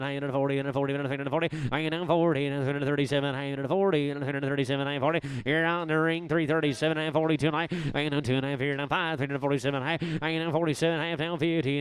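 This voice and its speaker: A male livestock auctioneer rattles off bids in a fast, rhythmic chant that barely pauses for breath. His voice comes through very clear and crisp, with a dry sound and almost no room echo. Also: a little high. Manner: rapid rhythmic number chant.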